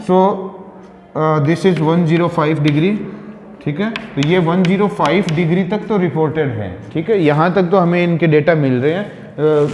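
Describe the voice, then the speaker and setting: Guy teaching class, slow, asks stuff then answers it himself, keeps saying thik hai, long room echo. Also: fairly high pitch, a little mellow. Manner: mixes Hindi and English, asks and answers his own questions; frequent fillers, "thik hai" checks. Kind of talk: classroom geography lesson with diagrams. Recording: roomy classroom reverb with faint noise.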